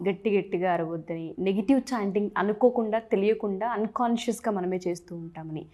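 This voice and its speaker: A woman's voice: mid-range voice, mellow. A woman hosting an interview, asking her guest questions respectfully and mixing in English words. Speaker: interviewer host.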